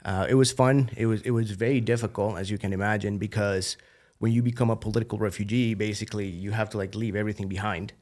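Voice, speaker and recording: A Colombian man in his thirties, a biotech founder guesting on a casual podcast interview, tells his story fast in a lowish voice with a Colombian Spanish accent. He's relaxed and animated, tossing in "you know" and "dude" often.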